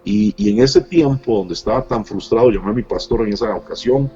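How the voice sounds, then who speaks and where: A man's voice: medium pitch, big pitch swings, fairly quick, vocal fry, mellow, lo-fi sound, soft background music. A middle-aged man, a pastor giving his personal testimony in an interview, speaking earnestly and reflectively with many hesitant fillers. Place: Costa Rica.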